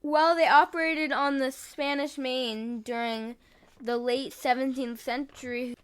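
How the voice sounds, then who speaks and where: A woman's voice: sits high, fairly even intonation, measured pace, clean tone. A woman co-hosting a podcast in casual chat, playful and teasing, often giggling. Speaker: podcast co-host.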